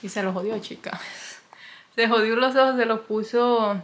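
A woman's voice: normal speed, a little hiss or hum. A woman vlogger casually telling a story to her camera indoors, chatty and full of fillers. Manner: chatty, full of fillers, exclaims in high yelps. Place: indoors, wrapped in a blanket in a cold room.

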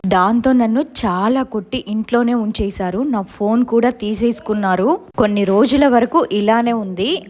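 A woman narrating a true-ghost story in the first person, dramatic and slowing down for emphasis. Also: fairly high pitch.

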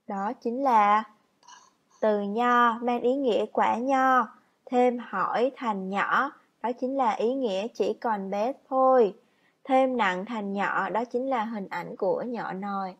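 A woman teacher narrating a scripted lesson for children, instructive, reading example sentences out slowly like dictation. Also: a little high, slightly rough. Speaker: primary school teacher. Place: voice-over on lesson slides.

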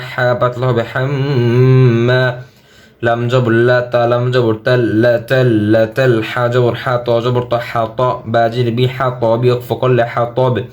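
A man with a Bangladeshi Bengali accent teaching Quran reading, spelling out syllables slowly and chanting verses in a drawn-out way. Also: medium pitch, darkish tone. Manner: slow, drawn-out chanting of verses between quick spoken explanations. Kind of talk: spelling-out Quran recitation lesson.

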